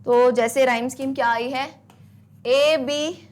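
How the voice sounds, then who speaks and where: High-pitched woman teacher. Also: normal speed, fairly bright tone. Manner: encouraging, coaxing students with rhetorical questions; mixes English into talk. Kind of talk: online class lesson.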